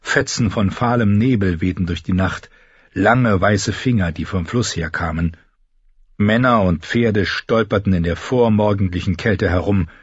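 A man's voice: fairly low pitch, measured pace, husky, no room sound. A man reading fantasy fiction aloud as an audiobook narrator. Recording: dull lo-fi recording.

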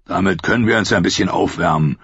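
A man playing a booming, laughing wildling chief. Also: quick pace, gravelly, a bit bright, slightly rough, no room sound, heavily acted. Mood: roaring jovial. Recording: muffled lo-fi recording.

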